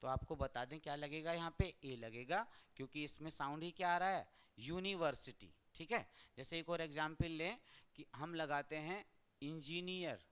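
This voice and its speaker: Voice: mid-range voice, moderate pace, a bit bright, smooth. A teacher from India giving a grammar lesson, who keeps asking the class questions and answering them.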